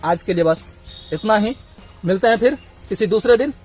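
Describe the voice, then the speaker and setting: A man's voice: sits high, normal speed, darkish tone, soft background music. A man from Bihar teaching a blackboard lesson, patiently sounding out vowels and explaining them step by step. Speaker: Hindi teacher.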